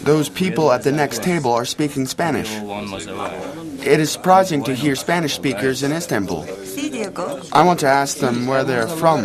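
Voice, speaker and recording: An actor playing a friendly young man in a scripted dialogue for English learners, speaking clearly and carefully. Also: mid-range voice, crowd noise, natural voice. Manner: clear, slow, carefully spoken. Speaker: lesson dialogue character.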